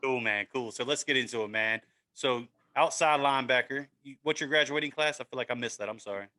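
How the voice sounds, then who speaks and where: A man's voice: medium pitch, a little fast, bright, forceful tone. A man hosting a casual sports podcast, upbeat and encouraging, often tagging "man" and "right?" onto his sentences. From Maryland, USA. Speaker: podcast host.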